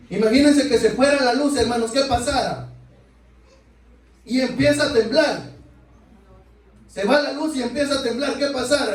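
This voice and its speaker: An adult male preacher with a very high voice delivers a sermon in a church sanctuary, captured by a distant mic with heavy echo. He repeatedly calls his listeners "brothers" and poses rhetorical questions.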